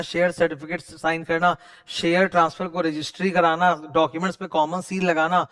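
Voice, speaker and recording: A young man giving a law exam revision lecture, mixing casual explanation with slow, deliberate reading of legal definitions. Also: on the high side, a bit bright. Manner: explains in Hindi, reads legal definitions slowly in English. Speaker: law teacher.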